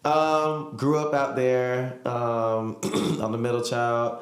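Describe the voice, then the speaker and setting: A man's voice: mid-range voice, takes it slowly. Chatty man in an echoey room. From Hampton, Virginia. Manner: relaxed, chatty, lots of fillers. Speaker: podcast co-host. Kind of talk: casual chat.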